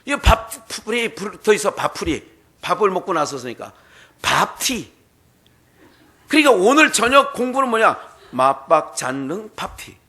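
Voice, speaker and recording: A male pastor delivers a sermon in a church and tells a folk tale in an animated way. His voice is high and bright, and he often puts questions to the congregation. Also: moderate pace. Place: church sanctuary.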